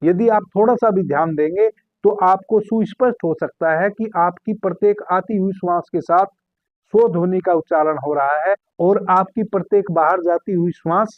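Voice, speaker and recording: Calm man guiding meditation, phone-like sound. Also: high voice, dry recording. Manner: slow, calm, repeating key phrases. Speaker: spiritual meditation teacher. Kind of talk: guided meditation instruction.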